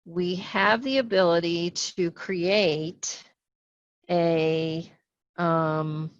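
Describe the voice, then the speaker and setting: Patient woman walking through software steps. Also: fairly low pitch, steady tone, very slow, no room sound, muffled recording. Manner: patient, step-by-step with frequent fillers. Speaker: software trainer. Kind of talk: screen-share webinar tutorial.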